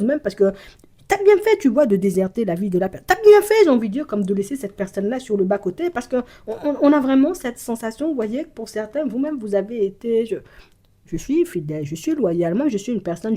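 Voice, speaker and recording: A woman with a mellow, medium-pitched voice gives the viewer a spoken intuitive reading as a psychic. She rambles, stammers, repeats herself, and uses constant verbal fillers. At times she slips into speaking in the first person for an absent person.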